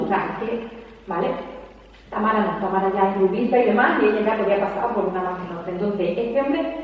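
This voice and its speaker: A woman from Spain with a Spanish accent, talking to an audience at a book presentation in an animated way and often adding tag questions. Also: mid-range voice. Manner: animated, rapid, peppers speech with tag questions. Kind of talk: conversational talk to an audience. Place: large hall at a public event. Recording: echoey hall, distant mic, dull sound.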